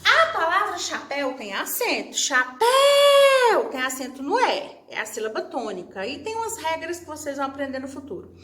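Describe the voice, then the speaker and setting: High-voiced Brazilian teacher in an echoey room. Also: female voice, sing-song, brisk, hardly any pauses, fairly bright tone. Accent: Brazilian Portuguese. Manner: speaks of herself in the third person, chatty, acts out pupils' questions. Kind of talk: recorded online class for children. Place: classroom or room at home with a whiteboard. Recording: echoey room, faint background noise.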